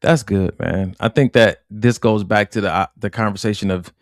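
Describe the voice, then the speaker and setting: A man co-hosting a casual relationship podcast, speaking in a reflective, measured way and stretching words for emphasis. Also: lowish voice, no echo, studio quality. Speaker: podcast co-host.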